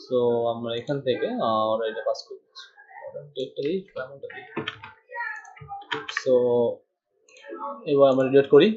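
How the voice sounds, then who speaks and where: This coding tutor from Bangladesh speaks at normal speed in a medium-pitched, slightly mellow voice, with long pauses as he thinks aloud and types. He mixes English terms into the screen-recorded tutorial, which sounds dull and lo-fi.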